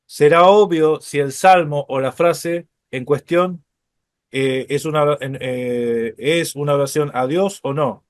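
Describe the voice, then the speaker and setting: A male Bible teacher lecturing at an unhurried, deliberate pace in a somewhat high voice. He explains patiently, pausing on fillers and checking in with his listeners. The sound is dry and close. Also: no room sound.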